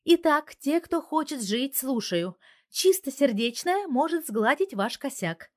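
A sharp-tongued young wife and computer genius, commanding and scolding with a raised, forceful voice, as a woman reader puts her on. It is recorded dry and close, like a storybook reading. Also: fairly high pitch, animated, fairly quick, no room sound, pitched above the performer's own voice.

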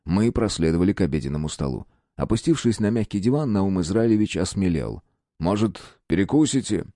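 A man reading a first-person audiobook in an expressive, lively manner. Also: sits low, fast talker, no echo, clean studio sound. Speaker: audiobook narrator.

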